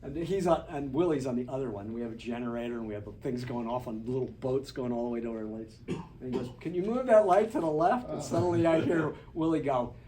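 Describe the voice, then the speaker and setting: Talking fast in a mellow mid-range voice, a man runs a hands-on film lighting workshop for a group in a studio classroom, wandering into asides and restarting sentences. The audio is distant and echoey, with noisy surroundings.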